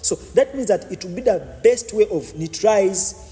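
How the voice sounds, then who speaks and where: A podcast guest from Uganda explains his views at length in explanatory interview answers, stumbling, repeating words and making many false starts and restarts. His high voice is animated yet dark in tone, at a moderate pace. The recording has a big-room sound.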